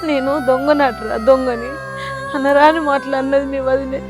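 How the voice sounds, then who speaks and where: A woman's voice: high voice, fairly even intonation, normal speed, over music, close to an everyday voice. A woman with a Telangana accent playing an older mother thrown out by her son, crying and pleading. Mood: tearful. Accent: Telangana Telugu. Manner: tearful, pleading. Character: grieving old mother, wronged and heartbroken.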